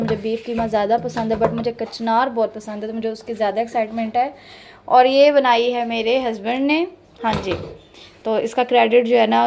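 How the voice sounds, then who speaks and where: A young woman talks into her phone camera in a family vlog, light and fairly high in pitch. She chats casually, teasing and scolding as she goes. A faint hum of ambience sits behind her. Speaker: family vlogger. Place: home and rooftop, outdoors at times.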